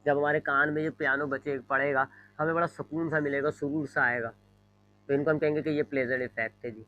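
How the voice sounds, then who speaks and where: A man's voice: a little high, steady tone, a little fast, sharp tone, lo-fi sound. Man lecturing physics with speech. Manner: explains with repeated examples, frequent "जी", mixes English terms; draws on a board while talking. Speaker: physics teacher. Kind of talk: classroom lecture. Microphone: microphone.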